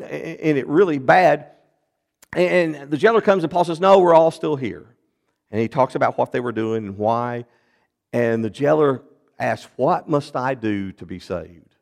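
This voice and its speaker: A man preaching a sermon, retelling a Bible story in an animated storytelling manner with big swings in pitch and loudness. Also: vocal fry.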